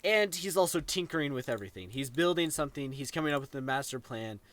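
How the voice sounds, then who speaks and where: A man's voice: medium pitch, expressive, quick pace, a bit bright. A man co-hosting a podcast in casual chat, rambling and playful as he riffs on a topic. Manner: rambling, playful, gestures while talking. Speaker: podcast co-host.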